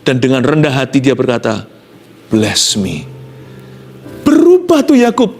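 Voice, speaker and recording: A pastor preaching a sermon with dramatic delivery, mixing in English phrases and dropping to soft pleading when he acts out quotes. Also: mid-range voice, wildly swooping pitch, brisk, slight background noise.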